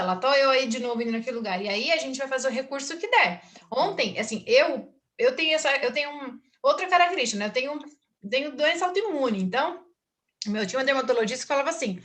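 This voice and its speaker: A woman leads a relaxed book circle with a bright, slightly high voice. She talks in a chatty, lively way and acts out her own inner voice as she goes. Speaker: book circle host and teacher. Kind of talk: casual group discussion.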